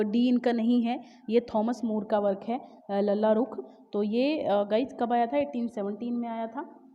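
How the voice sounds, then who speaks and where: A woman teacher with a fairly high, mellow voice works through exam-prep questions, switching between Hindi and Indian-accented English. She reads each question out slowly, then explains it with fillers and self-corrections. The sound is dull and lo-fi, with a long reverb tail. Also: slight background noise.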